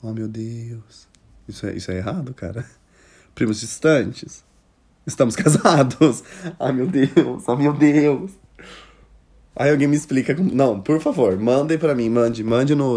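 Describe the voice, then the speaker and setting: A Brazilian-accented man hosts a casual chat, reading listener stories aloud. His manner is gossipy and animated, with frequent laughs and loud exclamations. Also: mid-range voice. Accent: Brazilian Portuguese. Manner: gossipy and expressive, laughs often, exclaims loudly.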